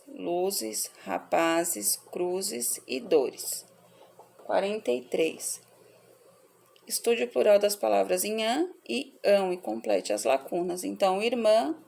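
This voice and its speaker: A woman teacher reads out and corrects workbook answers for children in a slow, patient way. Her voice has a strong gravelly fry, and she goes through the word lists one at a time. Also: mid-range voice, a little mellow. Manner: slow, measured listing of words for pupils.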